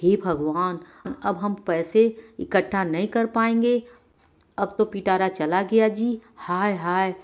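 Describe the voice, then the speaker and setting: A woman voicing a greedy village wife who wails and laments in high, loud cries. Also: slow, close to an everyday voice. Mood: alarmed, wailing.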